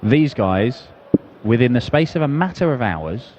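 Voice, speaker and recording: A man's voice: medium pitch, animated, unhurried, a little mellow, highs cut off, slight background noise. A man giving live darts commentary as a broadcast commentator.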